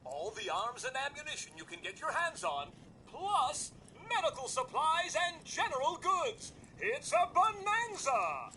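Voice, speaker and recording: Game show host robot: high and bright, big sales patter, played for a video game. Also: male voice, wildly swooping pitch, a little slow, slight background noise, exaggerated voice. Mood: salesy, excited.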